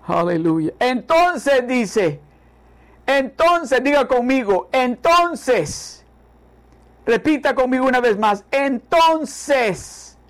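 A man preaching a sermon with fervent repetition, calling on listeners to repeat after him. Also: extremely high pitch.

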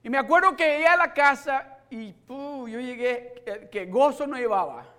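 High-voiced preacher shifting between Spanish and English. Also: male voice, moderate pace. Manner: swings from soft storytelling to shouted exhortation. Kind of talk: bilingual sermon with personal testimony.

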